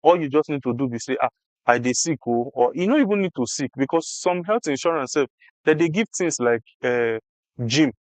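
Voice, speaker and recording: A man's voice: on the high side, animated, fairly quick, no echo. A Nigerian man explaining things conversationally in Nigerian Pidgin, emphatic and repeating phrases for effect. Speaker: interview guest explaining health insurance.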